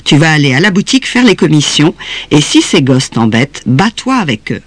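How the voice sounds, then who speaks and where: A man's voice: on the high side, sing-song, fairly quick, no echo. A man voicing a stern mother who speaks in a hard, threatening, unyielding tone.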